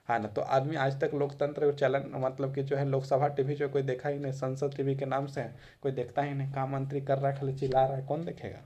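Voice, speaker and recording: A man's voice: mid-range voice, warm tone, lo-fi sound. A man giving a classroom lecture in a conversational way, repeating phrases for emphasis. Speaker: teacher.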